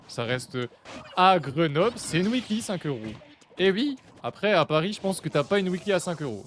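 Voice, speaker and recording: Young man, streamer, casual live chat, excitable, slightly high voice, faint background noise. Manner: chatty, excitable, addressing chat.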